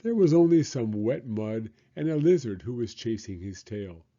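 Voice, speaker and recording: Man playing a lilting, animated storybook frog. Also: mid-range voice, normal speed, lo-fi sound, natural voice. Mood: earnest reminiscing. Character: cheerful, kindly male frog reminiscing to his friend.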